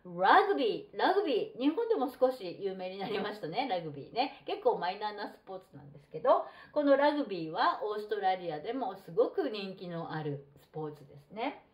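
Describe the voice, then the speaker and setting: A woman's voice: mid-range voice, very animated. Middle-aged woman teaching English. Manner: slow, drawn-out model reading of English phrases. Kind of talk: textbook lesson for students. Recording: roomy echo.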